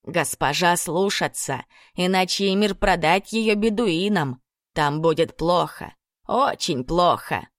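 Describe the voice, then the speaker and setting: Brief: worried female servant in an audiobook, read by a woman, halting speech, lowish voice. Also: lively intonation, dry recording, clean studio sound. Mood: sorrowful. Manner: pleading, broken grammar.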